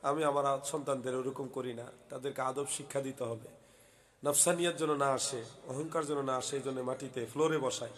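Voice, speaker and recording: A hoarse man from Bangladesh, a preacher delivering a heated waz sermon at a religious gathering, often raising his voice. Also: medium pitch, fairly even intonation, a little fast, slight background noise. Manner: loud, heated, swings into shouting. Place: outdoor religious gathering stage.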